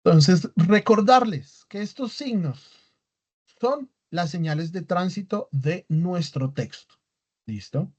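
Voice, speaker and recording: This man's voice sits high and sounds animated, though he speaks slowly. Teaching writing online, he goes step by step and keeps checking on his students with tag questions. The class was recorded in dull, lo-fi quality.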